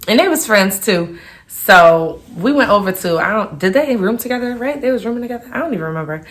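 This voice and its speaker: Lively, bright-voiced young woman chatting. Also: medium pitch, brisk. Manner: laughs through her stories, animated. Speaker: host. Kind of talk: casual storytelling chat.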